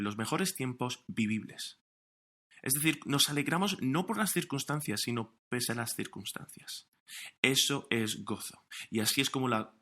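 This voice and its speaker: An earnest male pastor preaches with emphatic weight, now and then tripping over his words and starting again. His voice sits in an ordinary middle pitch, and he delivers the sermon straight to an audience watching online. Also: fairly bright tone. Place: recorded for online streaming during lockdown.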